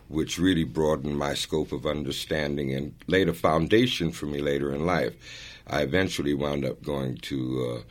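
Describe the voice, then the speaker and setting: An older man, a singer, telling his life story in an interview, relaxed and rambling with many pauses and chuckles. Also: rumbling low. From born in Italy, raised in New York. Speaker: guest singer.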